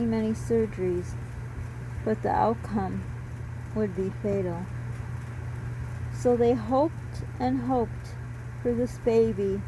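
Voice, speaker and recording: A middle-aged woman giving an unscripted, reflective personal talk in short, halting phrases. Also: medium pitch. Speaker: storyteller sharing personal reflections. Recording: steady noise of a running fan. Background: electric fan running.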